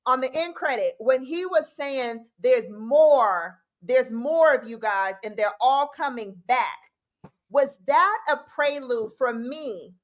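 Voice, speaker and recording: A woman co-hosting a casual fan podcast, excitable, talking in quick bursts with restarts. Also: high-pitched. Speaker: co-host.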